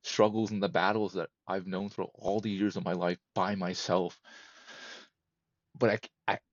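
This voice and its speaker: Deep-voiced emotional man in his thirties. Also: level tone, dry recording, muffled recording. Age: 30s. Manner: halting and repetitive, circling back. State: emotional, close to breaking. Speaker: podcast guest. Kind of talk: candid personal conversation.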